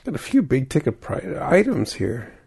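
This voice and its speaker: A man co-hosting a show, chatting casually about shopping items, haltingly thinking aloud as he browses and reads out product details. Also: medium pitch, huge pitch swings, vocal fry, darkish tone, breathy edge. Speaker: podcast co-host.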